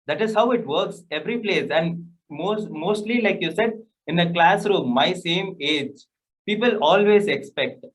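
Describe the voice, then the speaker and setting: A man's voice: high voice, expressive, measured pace, poor audio. A man speaking on a panel, emphatic, stressing words with shifting intonation. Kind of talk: conversational panel talk.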